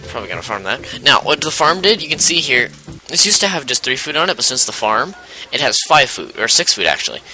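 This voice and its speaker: A man's voice: medium pitch, sing-song, fast, pushed and bright, low-quality recording. A man giving casual let's play commentary, rambling and explaining game mechanics as he goes, with frequent self-interruptions. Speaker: gameplay commentator. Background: game music.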